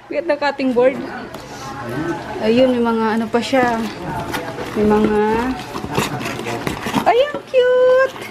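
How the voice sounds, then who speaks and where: A woman's voice: a little high, wildly swooping pitch, takes it slowly, long pauses. A woman chatting casually in a home vlog, playful and laughing, cooing baby talk at her dog. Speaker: vlogger. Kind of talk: casual family vlog chat. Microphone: handheld compact camera. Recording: noisy home camera audio.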